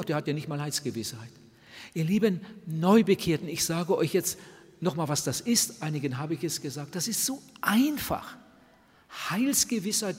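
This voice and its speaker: An older man preaching a sermon to new converts, speaking earnestly and voicing the prayers he quotes. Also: on the high side. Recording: reverberant hall, somewhat husky sound.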